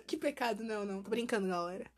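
A woman's voice: medium pitch, very fast. A woman co-hosting a podcast in casual, playful chat, teasing and laughing often. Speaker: podcast co-host.

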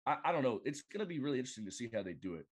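A man appearing as a guest on a casual sports podcast, talking in halting bursts and often restarting his sentences. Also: mid-range voice, very animated, breathy edge. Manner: halting, lots of fillers and restarts.

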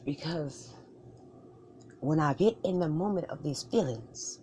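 A woman with a deep, low-pitched voice tears through a comic argument. She bickers back and forth, swearing freely and firing off quick retorts. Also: lively intonation, noisy background.

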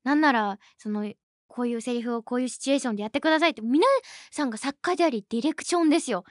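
A woman's voice: fairly high pitch, rapid-fire, no room sound, studio quality. A young woman hosting a podcast in casual chat, telling stories in a chatty way and laughing often. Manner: lively and chatty. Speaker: podcast host.

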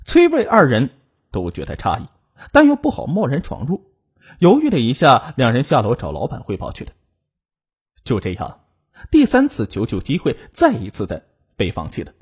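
Man's voice with a strong husky edge. Very animated pitch swings on the true crime narration. Dramatic storytelling. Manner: dramatic, rising and falling delivery.

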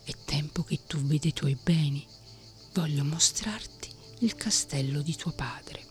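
A woman's voice: deep voice, a little slow, soft background music. A woman voicing a steadfast, loyal male servant in a whispered role-play. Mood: earnest. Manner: soft, earnest whispering.

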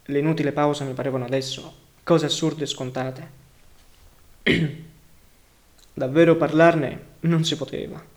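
Man reading a novel, fairly high voice. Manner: measured, even literary reading. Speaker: audiobook narrator.

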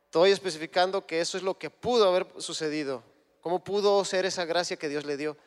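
A man's voice: sits high, fairly quick, smooth, long reverb tail. A man giving a conversational sermon, retelling scripture and acting out imagined dialogue. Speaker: guest preacher.

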